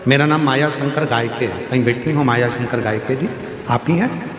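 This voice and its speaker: A man giving a live religious sermon to a large gathering, telling a sacred story with an emphatic, rising and falling cadence and speaking straight to the crowd. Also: normal speed. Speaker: devotional storyteller preacher. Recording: booming hall reverb, faint music.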